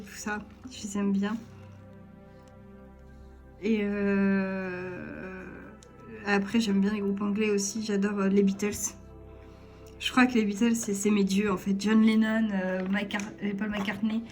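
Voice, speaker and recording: A young woman vlogs from her table at home in a loose, chatty way, laughing at herself as she goes. Her pitch sits in a middling range for a woman. Faint music plays quietly beneath her voice. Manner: chatty, giggly, self-deprecating. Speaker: vlogger. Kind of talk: casual chat to camera. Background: soft background music.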